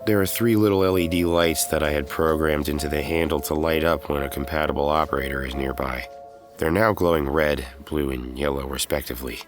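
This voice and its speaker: This middle-aged man's voice rumbles low, with fairly even intonation and a brisk pace, over music underneath. He narrates and stars in an audio drama as a world-weary former hero who became a professor, delivering scripted first-person narration in a measured way.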